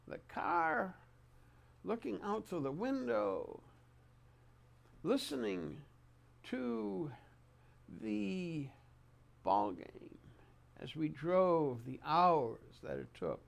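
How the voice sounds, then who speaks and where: An older man reminiscing in an oral-history interview, speaking haltingly with repeated words and pauses mid-sentence. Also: sits high, big pitch swings, gravelly. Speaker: interviewee recounting memories.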